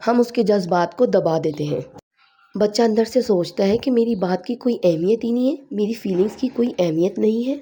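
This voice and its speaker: A woman with a slightly hoarse voice from a sore throat, calmly explaining parenting advice point by point in a home vlog. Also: medium pitch, a little hiss or hum. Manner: calm, explanatory advice-giving, pausing on numbered points. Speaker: parenting vlogger.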